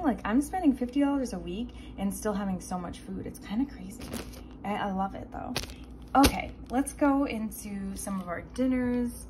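Young woman rambling thru her grocery haul on a phone, lots of ums, some noise behind her. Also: medium pitch. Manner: chatty, rambling, with many fillers and asides. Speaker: vegan grocery haul vlogger. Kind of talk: casual chat. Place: indoors at home. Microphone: handheld phone filming products. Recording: noticeable background noise.

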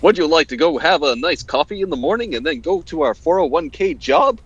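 A man's voice: on the high side, big pitch swings, brisk, highs cut off, a little hiss or hum. A man on a casual podcast stream, talking in a stiff, robotic-sounding voice.

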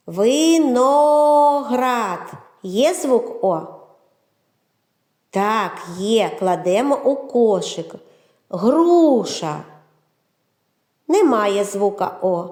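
Slow, lively woman teaching kids. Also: medium pitch. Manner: slow, clear, drawn-out teacher's delivery. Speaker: teacher and narrator. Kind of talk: children's phonics lesson narration. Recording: roomy echo.

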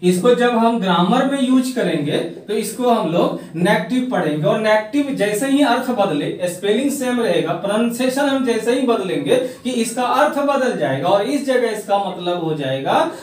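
Male grammar teacher, high voice, slow emphatic delivery, recorded in a very echoey room. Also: animated. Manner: slow and emphatic, drawing out English words. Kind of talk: classroom lesson. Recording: echoey room, far from the mic.

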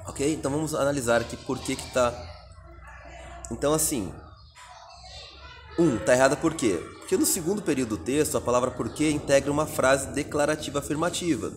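A Brazilian man teaching a recorded exam-prep lesson, reading out answer options and explaining each one step by step. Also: medium pitch. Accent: Brazilian Portuguese.

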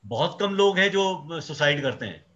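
A man's voice: a little high, very animated, normal speed, a bit bright. A male microbiology professor explaining at length in an interview, emphatic and mixing in English phrases. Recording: dull lo-fi sound.

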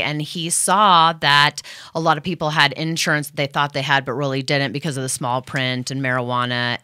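Low, bright-toned woman radio host. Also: smooth, dry recording, clean studio sound. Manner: rambling, many fillers and restarts. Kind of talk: casual thank-you to sponsors.

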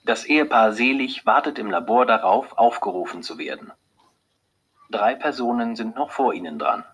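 A man narrating a story in a slow, clear and deliberate way, with a husky voice. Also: medium pitch, lively intonation, a bit bright, rough recording. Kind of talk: scripted audiobook narration.

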